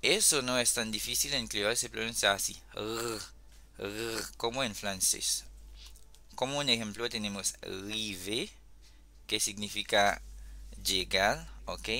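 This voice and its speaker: Slow bright-voiced man teaching pronunciation. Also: lowish voice. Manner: slow, repeats sounds and checks with "ok?". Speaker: language teacher. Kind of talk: casual online lesson.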